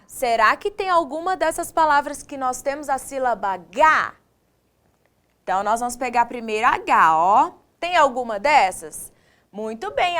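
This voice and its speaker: Brazilian lady teacher talking to little kids, high voice, goes up and down a lot. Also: a bit bright. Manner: slow, drawn-out syllables for young pupils; asks questions and praises the pupils. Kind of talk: online lesson for children.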